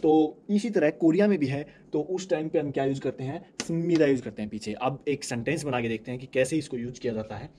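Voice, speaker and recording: A young man teaching a language class, explaining grammar step by step and slowly repeating each example. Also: mid-range voice, background noise. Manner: repeats examples slowly, asks and answers own questions.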